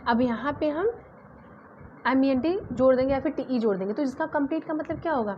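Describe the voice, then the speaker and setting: ऊँची आवाज़ वाली महिला शिक्षिका, धीमी स्पष्ट व्याख्या. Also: female voice, high-pitched, a little fast. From India. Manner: explains patiently, spells words out letter by letter. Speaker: English grammar teacher. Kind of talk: exam-prep grammar lesson. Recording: dull lo-fi sound with faint noise.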